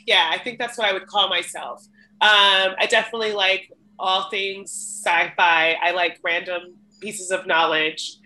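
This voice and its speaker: A woman's voice: lowish voice, steady tone, a little slow, bright, forceful tone, rough recording. A young woman co-hosting a casual podcast chat, playful and teasing, with plenty of "um"s. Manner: playful, teasing, many ums. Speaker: podcast co-host.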